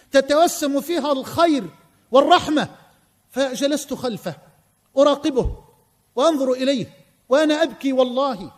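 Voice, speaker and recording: A male preacher giving a sermon, telling a story with impassioned oaths. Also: extremely high pitch. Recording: long hall reverb.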